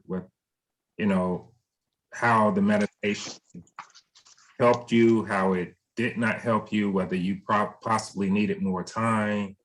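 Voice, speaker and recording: A man hosting a meditation group on a video call, talking in an easygoing, gently encouraging way. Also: on the low side, poor audio.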